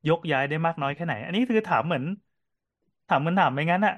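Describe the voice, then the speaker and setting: A man co-hosting a casual podcast, telling cafe stories in a quick, animated way with lots of fillers. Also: on the high side, dry recording, highs cut off. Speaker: podcast co-host and cafe owner.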